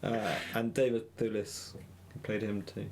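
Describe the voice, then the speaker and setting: A man's voice: fairly low pitch, flat delivery, unhurried, a little mellow, slight background noise. A man guesting on a casual film podcast, hesitant and self-deprecating, laughing at himself. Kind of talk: casual film review chat.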